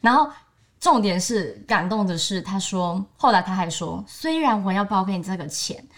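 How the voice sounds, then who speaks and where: A woman's voice: mid-range voice, lively intonation, normal speed. A young woman in her twenties with a Taiwanese Mandarin accent, co-hosting a podcast and telling a story in casual chat, quoting her friends in livelier voices. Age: 20s. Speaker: podcast co-host.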